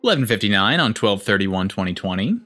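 A man reading meme captions aloud and adding wry, deadpan comments. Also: fairly low pitch, quick pace, faint music behind. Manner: wry, deadpan asides between read captions. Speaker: meme video narrator.

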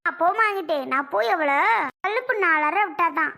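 A woman's voice: extremely high pitch, animated, creaky, pushed and bright, full character voice. A woman voicing a hot-tempered young married daughter in a cartoon who speaks indignantly and defiantly. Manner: indignant, defiant, quick to anger. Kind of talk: cartoon voice acting.

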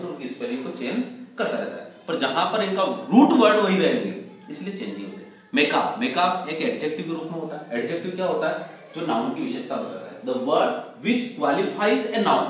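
Teacher guy, asks questions then answers them, bit high voice, big echo. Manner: mixes Hindi with slowly spoken English definitions. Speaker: English vocabulary teacher. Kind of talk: classroom vocabulary lesson. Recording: very echoey room, voice from far off.

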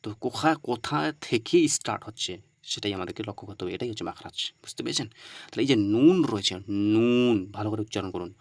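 A man teaching Arabic letter pronunciation step by step. He often asks and answers his own questions and repeats the letter sounds loudly. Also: on the low side, quick pace, no echo.

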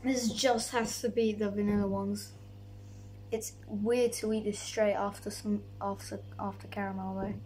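A young woman from Poland reviewing snacks in a casual vlog, gushing excitedly while chewing and talking. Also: mid-range voice, moderate pace, a little hiss or hum, poor audio.

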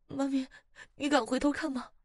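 A woman's voice: medium pitch, fairly even intonation, moderate pace, a little mellow, slightly rough, no room sound, clean studio sound, lightly acted. A woman voicing a frightened young girl who stammers and sobs as she tells a ghost story. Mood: fearful. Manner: stammering, sobbing.

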